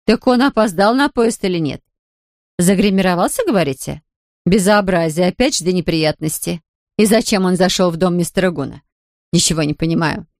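A fussy middle-aged mother who frets and scolds, as a woman reading a storybook puts her on. Her voice drops lower than the narration, close and dry. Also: normal speed, darkish tone, no room sound, close to an everyday voice. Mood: worried.

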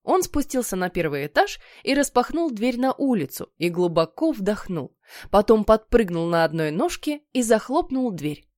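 A woman narrating a children's story in a lively, playful way. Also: mid-range voice, normal speed, no echo, clean studio sound. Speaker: audiobook reader.

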